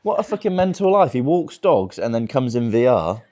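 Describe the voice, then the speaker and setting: Young guy comic roasting the crowd, swears a lot, laughs at his own jokes, mellow dark voice. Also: medium pitch, very animated, normal speed. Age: 20s. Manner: crude, teasing, laughs often. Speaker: stand-up comedian doing crowd work. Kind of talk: crowd work in a virtual reality comedy show.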